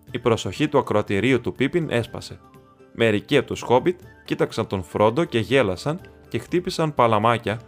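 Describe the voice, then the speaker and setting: A man narrating a novel as an audiobook reader, in a steady, even reading. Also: medium pitch.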